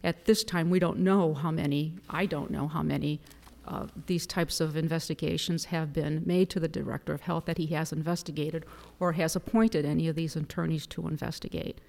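A woman attorney delivering a formal oral argument to a court in a deliberate, emphatic manner. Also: deep voice, fairly even intonation, vocal fry, darkish tone. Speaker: appellate attorney. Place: large courtroom. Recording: reverberant hall.

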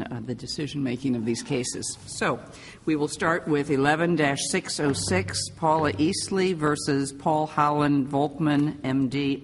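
A man presiding as judge, making formal, measured procedural announcements to open a court session. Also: mid-range voice. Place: large courtroom. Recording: reverberant courtroom, faint noise.

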